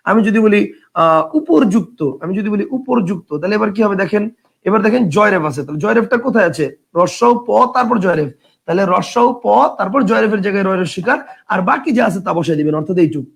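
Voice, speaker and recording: A man's voice: high voice, animated, brisk, creaky. A man teaching an online grammar class, repeating key phrases, quizzing students and reading out viewer comments.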